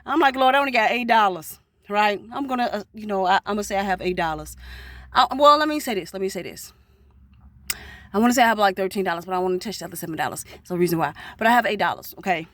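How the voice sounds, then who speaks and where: A woman, vlogging casually and rushing through encouraging, preachy talk to her viewers. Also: medium pitch, expressive, no echo. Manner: rushed, fast-talking, preachy encouragement.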